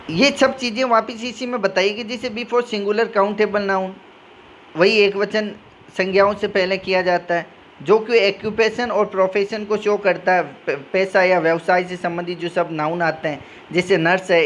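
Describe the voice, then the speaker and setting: A man's voice: high voice, fairly even intonation, a little slow, fairly bright tone, a little hiss or hum. A male teacher with a Rajasthani Hindi accent giving a grammar lesson, explaining step by step and answering his own questions. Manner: switches between reading English rules and explaining in Hindi.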